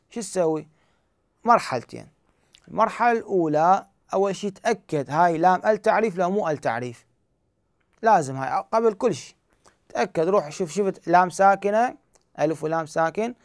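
Iraqi guy explaining recitation rules, slightly high voice, gravelly but smooth, dry close sound. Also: no echo. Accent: Iraqi Arabic. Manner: patient step-by-step explaining, asks and answers his own questions. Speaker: Quran recitation teacher. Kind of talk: explanatory lesson.

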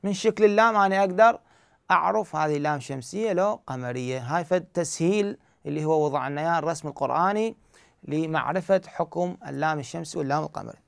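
A man's voice: fairly high pitch, quick pace, creaky, smooth, no echo, studio quality. A man with an Iraqi Arabic accent, teaching Quran recitation rules step by step and answering his own questions. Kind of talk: explanatory lesson.

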